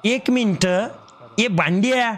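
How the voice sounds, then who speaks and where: A man playing a loud, boastful village character in a comedy roleplay game, with an Agri Koli Marathi accent and a rambling way of talking. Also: extremely high pitch, slow pace.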